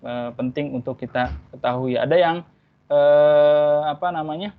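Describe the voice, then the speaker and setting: A man's voice: fairly high pitch, steady tone, unhurried, smooth, narrow, tinny audio. A man giving an online training talk to young school applicants, explaining in a casual teacherly way and tagging his points with little "ya" and "gitu" checks.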